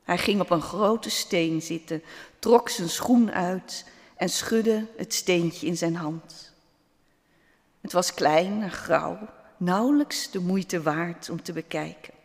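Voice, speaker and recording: Male storyteller, unhurried and gentle, long hall reverb on the voice. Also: high-pitched. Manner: slow, gentle, dramatic pauses. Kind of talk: scripted story narration.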